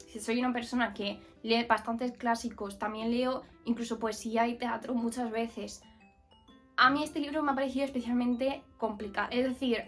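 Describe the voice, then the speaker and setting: A woman's voice: on the high side, a bit bright. A woman from Murcia, giving a casual, frank book review with many fillers and restarts. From Murcia, Spain. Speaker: book vlogger.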